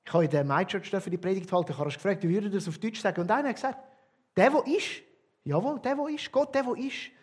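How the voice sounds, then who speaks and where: Swiss German man, pastor's sermon, high-pitched and husky, emphatic delivery. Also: fast, few pauses. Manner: emphatic, swinging between loud stresses and quiet drops.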